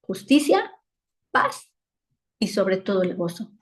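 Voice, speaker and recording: A woman's voice: mid-range voice, big pitch swings, takes it slowly. A woman teaching a weekly Bible lesson over a video call, earnest and repeating phrases for emphasis.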